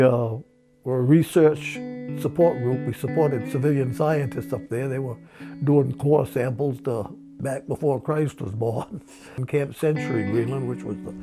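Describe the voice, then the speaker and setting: Being interviewed as a grandparent, a man from Maine in his seventies shares personal memories with a dry wit. Acoustic guitar plays behind his mid-range voice.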